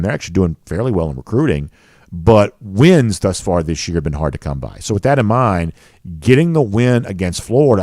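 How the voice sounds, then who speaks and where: Male sports show host, lowish register, dry studio-close sound, conversational college football analysis with stressed key words. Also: darkish tone, no room sound.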